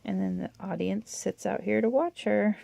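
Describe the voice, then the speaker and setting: A woman hosting a toy-collecting channel, chatting and gushing through a catalog in a hoarse voice. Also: mid-range voice, a little slow, mellow, dry recording. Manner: chatty, gushing, with little laughs. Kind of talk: casual show-and-tell of a toy catalog.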